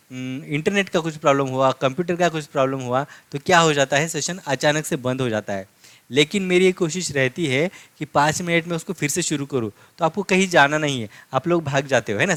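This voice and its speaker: A man teaching a live online language lesson, slowly drilling words by repeating each one and checking in with tag questions. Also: a little high, fairly bright tone, no room sound. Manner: slow, repetitive drilling with frequent tag questions.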